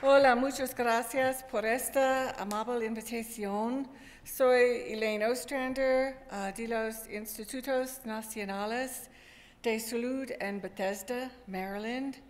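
Slow American woman speaking accented Spanish. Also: on the high side, steady tone, some chatter behind. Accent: American, also when speaking Spanish. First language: English. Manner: slow, careful non-native Spanish with a strong American accent. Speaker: scientist giving a lecture. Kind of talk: prepared public lecture. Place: large auditorium at a podium. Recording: echoey lecture hall.

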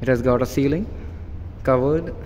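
A male real estate agent of medium pitch speaks at a normal speed, his voice a little mellow, while showing off an empty indoor warehouse in a plain, repetitive way. The tour is recorded on a phone held by the filmer, with slight background noise.

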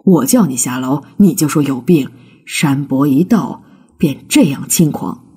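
A woman's voice: low-pitched, lively intonation, a little slow, dark tone, breathy edge, voice pushed down, exaggerated voice. A woman voicing a stern, angry old rich father who scolds harshly, in a storybook reading.

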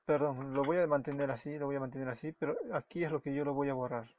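A man's voice: medium pitch, steady tone, quick pace. A man from Peru with a Peruvian Spanish accent walks through a coding tutorial step by step, often correcting himself. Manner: explains step by step, self-correcting, often apologizing. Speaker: web development tutor. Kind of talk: screen-recorded coding tutorial. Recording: dull lo-fi recording with keyboard typing.

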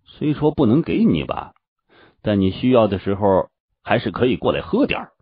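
A man's voice: lowish voice, very animated, normal speed, husky, no room sound. A man doing a smug, teasing old master. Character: smug older male master, possessive. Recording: dull, dry lo-fi audio.

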